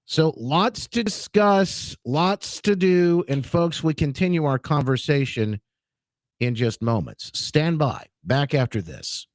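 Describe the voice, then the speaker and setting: A man's voice: a little high, expressive, slow pace, no echo. A man hosting a talk radio show, chatting casually and greeting listeners by name from his studio. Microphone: studio microphone.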